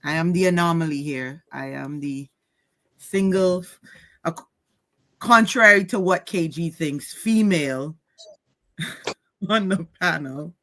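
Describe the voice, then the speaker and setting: A woman's voice: lowish voice, takes it slowly, long pauses, a bit bright. A woman football fan on a panel, chatting casually with slangy banter. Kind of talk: casual chat.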